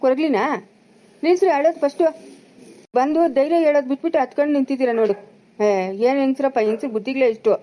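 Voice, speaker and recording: A woman's voice: sits high, fairly even intonation, rapid-fire, mellow, slight background noise, close to an everyday voice. A woman playing a bossy village brother-in-law in a family drama, scolding and commanding in a rural Chikkaballapura Kannada accent.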